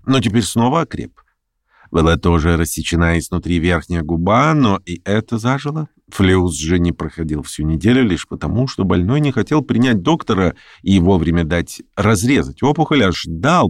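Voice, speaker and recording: A man narrating a classic novel in a measured, expressive audiobook reading. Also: low voice, dry recording, studio quality.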